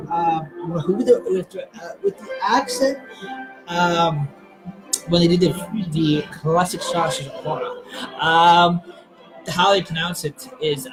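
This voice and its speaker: A man's voice: sits high, rough recording. A man hosting a live stream, chatting casually and hesitantly, with many fillers and restarts. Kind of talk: casual rambling chat.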